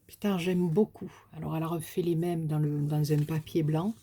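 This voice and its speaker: A woman's voice: deep voice, fairly even intonation, moderate pace, mellow, breathy edge. A woman with a Marseille accent chatting casually as she opens a parcel on her vlog, gushing and swearing with delight. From Marseille, France. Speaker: crafting YouTuber.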